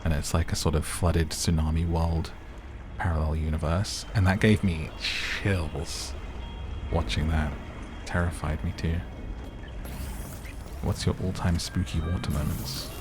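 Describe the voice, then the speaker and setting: With background music and some noise in the mix, this man hosts a let's-play in a low-pitched, steady voice at a measured pace. His voice sounds a bit worn as he rambles through relaxed commentary, poking fun at himself.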